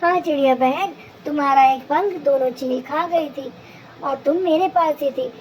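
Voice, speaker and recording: A woman's voice: high-pitched, normal speed, darkish tone, slight background noise, lightly acted, poor audio. A woman voicing a kind, protective male cloud in a cartoon, soothing and pleading. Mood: caring.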